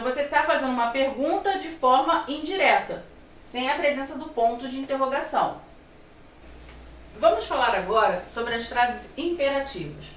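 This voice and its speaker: A high-pitched woman leads a grammar lesson, posing rhetorical questions and drawing out her examples. She sounds set back from the mic in a roomy space with a faint hum of ambience. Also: fairly bright tone. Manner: explaining with rhetorical questions, slow stressed examples. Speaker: teacher. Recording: roomy sound from a distance, faint room noise.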